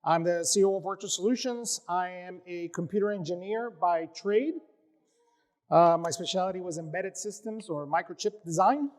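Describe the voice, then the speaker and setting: A man with a notably high speaking voice gives a tech conference talk. He is upbeat and animated, and his speech is loose with "uh" fillers. He sounds like a company founder presenting to developers. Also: normal speed. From United States. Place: conference session room.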